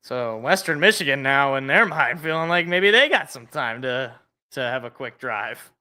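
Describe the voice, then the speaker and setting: A man doing casual live play-by-play football commentary, reacting as he goes and moving between excited calls and muttered asides. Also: medium pitch, moderate pace.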